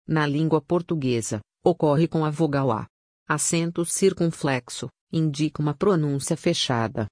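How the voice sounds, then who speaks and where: A narrator reading a scripted grammar lesson in a measured, even way, pausing through lists of examples. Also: mid-range voice, dry recording, studio quality. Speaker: teacher.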